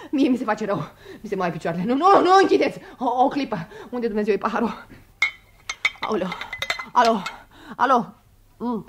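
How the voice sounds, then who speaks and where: An actress playing an excitable fifty-year-old female telephonist, in theatrical 1960s radio acting on an old recording. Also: on the high side. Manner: theatrical, shrieking in fright, quick to laugh.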